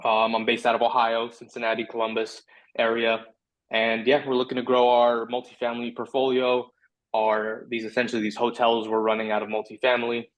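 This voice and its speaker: A man giving a casual introduction of himself as an investor on a video call, pausing with "um". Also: mid-range voice, monotone, poor audio. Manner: casual, with "um" pauses. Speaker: attendee, multifamily investor.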